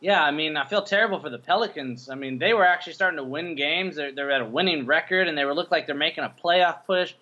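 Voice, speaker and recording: A playful, enthusiastic man chatting casually about sports, his voice bright and sharp and pitched a little high. The sound is dull and lo-fi. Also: quick pace, few pauses. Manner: playful, enthusiastic, laughs often. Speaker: co-host.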